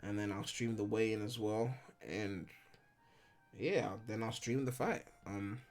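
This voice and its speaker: A Ghanaian man in his twenties chats on a live stream from home, answering viewers in a low-leaning, slightly mellow voice at a measured pace. He's rambling and candid, with lots of filler and swearing, as faint music plays behind him.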